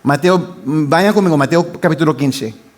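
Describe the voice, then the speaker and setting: An older man, a pastor, preaching a fervent sermon that swings between loud pleading and quiet asides. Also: a little high, measured pace.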